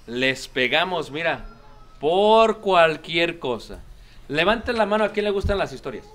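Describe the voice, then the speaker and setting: A man's voice: on the high side, very animated, a little slow, a bit bright. A man preaching a sermon, emphatic and repetitive, often calling the congregation "brothers". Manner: emphatic, repeats lines, addresses congregation as brothers.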